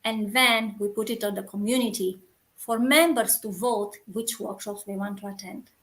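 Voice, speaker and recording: A Romanian woman with a Romanian accent and a medium-pitched voice speaks at normal speed as a guest in a casual interview. A community founder, she chats earnestly and often restarts while searching for words.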